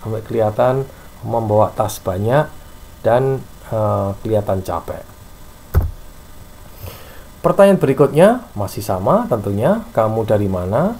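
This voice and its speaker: Guy teaching english, real slow and careful, says every phrase twice. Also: on the low side, lively intonation, darkish tone, a little hiss or hum. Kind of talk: language lesson.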